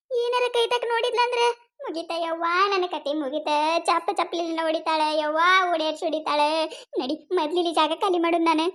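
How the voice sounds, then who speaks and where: A woman doing a timid village gossip. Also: very high-pitched. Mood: scared. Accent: North Karnataka Kannada. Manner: fretful, repeats worried phrases.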